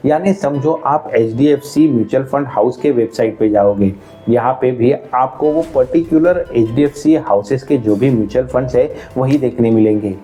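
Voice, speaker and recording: A man's voice: medium pitch, normal speed, mellow, soft background music. A man explaining investing options in a conversational, step-by-step way. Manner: conversational, walks through examples step by step. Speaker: finance educator. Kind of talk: explainer video.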